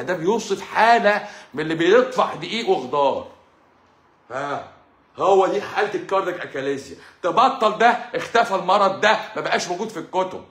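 A man's voice: a little high, a bit bright, echoey room. A man with an Egyptian accent, a doctor talking casually to his audience in a sarcastic, mocking way, full of rhetorical questions. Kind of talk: casual live monologue.

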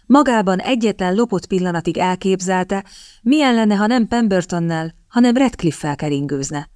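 A woman narrating an audiobook in an even storytelling manner on a studio microphone. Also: mid-range voice, clear, resonant tone, no room sound. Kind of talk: scripted narration.

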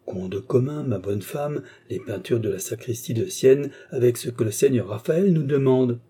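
Man voicing a jealous baker, blunt, suspicious, very dark, husky. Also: medium pitch, normal speed, lightly acted. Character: jealous gruff middle-aged male baker.

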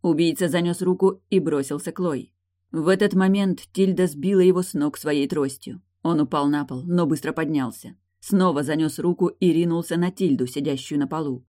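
Woman reading an audiobook, deep voice, steady narration. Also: normal speed. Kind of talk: scripted narration.

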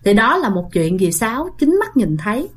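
A woman's voice: fairly high pitch, big pitch swings, normal speed. A woman telling a ghost story in a casual, chatty way, talking straight to her listeners. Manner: chatty, addresses listeners directly, many fillers.

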